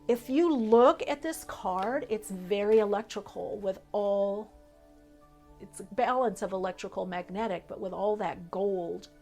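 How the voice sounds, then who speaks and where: A woman's voice: mid-range voice, a little mellow. Spiritual woman tarot reader, flowing lists. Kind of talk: tarot reading for viewers.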